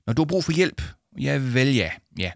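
En mand, der spiller en venlig voksen skolerådgiver, som snakker løs med masser af fyldord og gentagelser. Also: male voice, mid-range voice, sing-song, creaky, no room sound, clean studio sound, pitched above the performer's own voice. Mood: busy on phone. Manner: chatty, many fillers and repeated words. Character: kind cheerful adult male school counselor.

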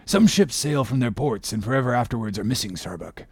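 A man voicing an old, obsessed sea captain, defiant and brooding, with a gravelly, husky voice and declamatory archaic speech. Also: medium pitch, lively intonation, fairly quick, dry recording. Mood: weary, grave. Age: older.

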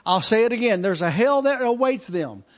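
High-voiced preaching man in his fifties. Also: animated, normal speed. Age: 50s. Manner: impassioned preaching with repeated phrases and restarts. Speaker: pastor. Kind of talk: sermon.

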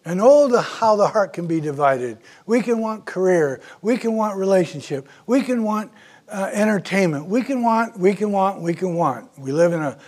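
A man's voice: on the high side, a little mellow. A man preaching a sermon as pastor, earnest and emphatic, rising in force on key points.

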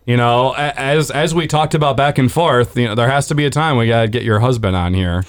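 A man's voice: medium pitch, fairly quick, dry recording. A man hosting a casual movie podcast, jokey and playful, with his voice swooping up and down. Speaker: podcast host.

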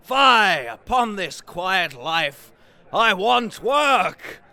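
A man voicing a swaggering, bloodthirsty warrior lord in a mocking stage parody, loud and bragging. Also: high-pitched, big pitch swings, drawn-out words, exaggerated voice. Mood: bragging, bored.

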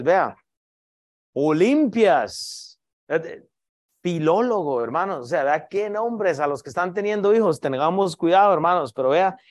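A man preaching a sermon, lively and direct, with joking asides to the congregation. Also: high voice.

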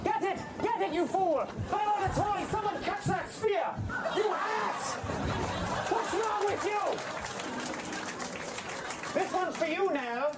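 A pompous old-time ballplayer. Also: male voice, extremely high pitch, lively intonation, slow pace, long pauses, a loud crowd, very noisy, heavily acted. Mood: indignant. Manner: theatrical, old-fashioned florid insults. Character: pompous old-time male baseball player, indignant and florid. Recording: comedy sketch clip with loud audience laughter.

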